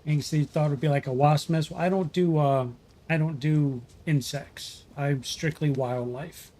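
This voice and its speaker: A man's voice: a little high, steady tone, measured pace, mellow. Casual storyteller, middle-aged man from Ohio, wildlife removal worker, talks in loose restarts and fillers. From Ohio, USA. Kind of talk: casual livestream chat.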